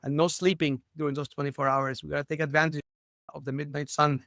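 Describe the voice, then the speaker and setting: Cheery middle-aged guy born in lebanon, kinda high voice, joking around on a video call, dry sound. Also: level tone, fast talker, a bit bright, no room sound. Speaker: school superintendent, guest. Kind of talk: casual interview chat.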